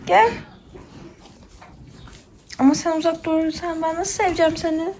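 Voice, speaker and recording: A woman's voice: extremely high pitch, little pitch movement, moderate pace, darkish tone, a little hiss or hum. A Turkish-accented woman on a farm vlog, coaxing and soothing a calf and hens outdoors, laughing often. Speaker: farm vlogger. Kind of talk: casual farm vlog, talking to animals. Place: outdoors in a farmyard garden.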